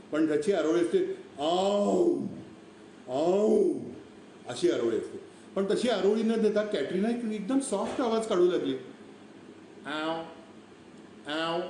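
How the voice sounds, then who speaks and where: A man from Maharashtra with a fairly high, dark-toned voice tells vivid wildlife stories on a live stream, imitating animal calls as he goes. The room is echoey, the mic is distant, and there is faint noise.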